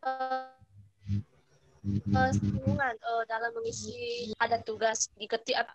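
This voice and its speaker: A woman's voice: a little high, huge pitch swings, measured pace, soft background music. A woman student asking a hesitant question on an online class call, her audio glitching and cutting out over a weak signal. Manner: hesitant, with many fillers. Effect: choppy, glitching audio that keeps cutting out. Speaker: university student. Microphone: video call.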